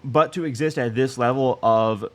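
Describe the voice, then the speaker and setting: A man's voice: medium pitch, moderate pace. Male commentator, scornful and wry, mid-range voice. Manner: mocking, laughs at clip, acts out quoted voices. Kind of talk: reaction commentary.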